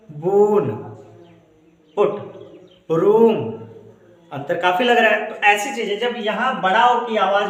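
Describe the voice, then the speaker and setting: A man with a high-pitched voice teaches a pronunciation lesson. He explains patiently and repeats each example word with long, drawn-out vowels. The room around him rings with echo. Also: fairly bright tone. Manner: explains slowly, drawing out and repeating example words. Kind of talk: Hindi-language English phonetics lesson.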